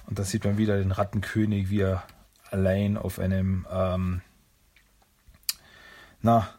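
Gravelly man retelling haltingly. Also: sits low, flat delivery, warm tone. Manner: hesitant, full of fillers. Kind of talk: casual retelling of a cartoon episode.

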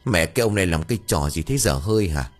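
A man voicing a middle-aged village wife who scolds her husband in a shrill, exasperated voice. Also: lively intonation, quick pace, soft background music. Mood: scolding.

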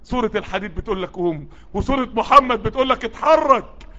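Egyptian-accented male preacher, worked up and sweaty, bright sharp voice, exhorting at speed. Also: very high voice, animated, fast. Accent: Egyptian Arabic. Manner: urgent, exhorting, repeated calls that build up. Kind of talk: sermon to a live group. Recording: dull lo-fi recording.

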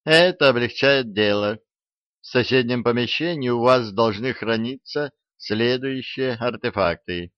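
A man's voice: medium pitch, unhurried, clear, resonant tone, dry recording, natural voice. A man voicing a polite, businesslike male clerk of a magical agency, on a dull lo-fi recording.

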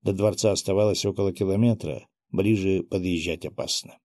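A man narrating a first-person audiobook in a steady, even reading. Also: deep voice, brisk, dry recording, clean studio sound.

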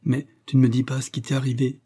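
A man's voice: mid-range voice, flat delivery, quick pace, warm tone, husky, pitched above the performer's own voice, close to an everyday voice. A man reading the part of an affectionate, anxious young wife.

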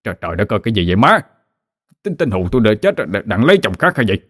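Man playing a Southern Vietnamese farmer, fifties, scared, frantic exclaiming, lowish voice. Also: expressive, brisk, a little mellow. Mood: panicked. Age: 50s. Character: jumpy middle-aged farmer husband, easily scared.

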